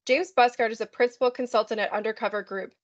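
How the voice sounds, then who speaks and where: A woman with a fairly high voice hosts a podcast in an upbeat, chatty way. The sound is dull and lo-fi, like a remote call. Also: steady tone, fast, faint music behind. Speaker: podcast host. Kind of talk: casual podcast chat and scripted intro.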